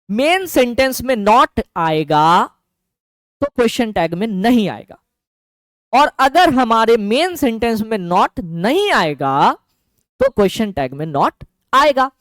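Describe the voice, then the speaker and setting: A man with a Bihari Hindi accent teaching English grammar in an online lesson, drilling each form slowly and over again. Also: very high-pitched, smooth, dry recording. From Bihar, India. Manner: slow, repetitive drilling with lively rising and falling intonation.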